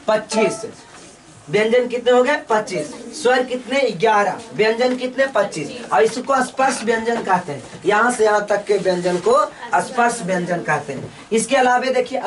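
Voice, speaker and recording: A woman teaching a lesson. She asks each question, then answers it herself in slow, repeating drills. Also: fairly high pitch, recorded from a distance. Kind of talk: classroom lesson with call-and-response drills.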